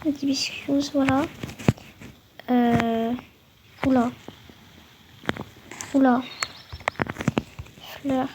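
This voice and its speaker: A woman's voice: high voice, flat delivery, extremely slow, long pauses, noisy background. A woman talking through a game tutorial, hesitant, with many fillers and restarts. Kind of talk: casual game tutorial voice-over.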